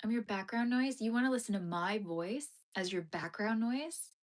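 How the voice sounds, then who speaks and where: Her voice fairly high and animated at a moderate pace, a young woman crochets during a casual live stream and reads her chat aloud. She laughs frequently and speaks with lots of fillers, streaming vertically on a phone.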